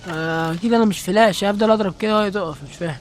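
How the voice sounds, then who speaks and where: A man's voice: high-pitched, very fast, slight background noise. A young man with an Egyptian Arabic accent, giving jumpy let's-play commentary and exclaiming to his viewers as he plays. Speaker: gaming channel host.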